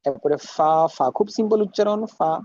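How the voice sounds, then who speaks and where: A man's voice: sits high, a little mellow, a little hiss or hum. Man teaching letter sounds, slightly muffled. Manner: slow, repeats each sound many times to demonstrate. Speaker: Arabic teacher. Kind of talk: pronunciation lesson.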